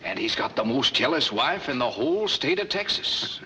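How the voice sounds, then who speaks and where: An actor playing a smooth-talking male con man, slick and persuasive, in 1940s film acting. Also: medium pitch, big pitch swings, moderate pace, bright, forceful tone, a little hiss or hum, poor audio. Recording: old 1940s film soundtrack.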